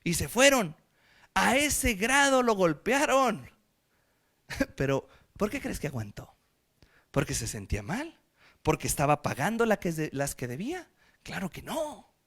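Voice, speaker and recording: A Mexican preacher delivers a live sermon with jokes, speaking directly to his listener. His voice is high and very animated, rising and falling all over. He keeps a casual, lively tone. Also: measured pace, pauses often. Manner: lively, joking, talks straight to the listener.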